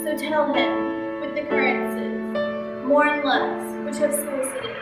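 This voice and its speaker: A woman playing the dying young prince Hamlet in amateur Shakespeare, speaking in a faint, halting deathbed voice. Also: high-pitched, little pitch movement, lightly acted. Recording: very echoey, distant, loud music behind.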